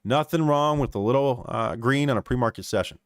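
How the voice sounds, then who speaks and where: A man streaming live, commenting on trading charts in an animated way and repeating phrases for emphasis. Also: medium pitch, a little fast, no room sound, clean studio sound.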